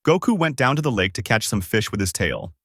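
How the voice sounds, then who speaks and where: A man narrating a fan-made story in a steady storytelling read with lively pitch movement. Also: brisk, breathy edge, no room sound, clean studio sound.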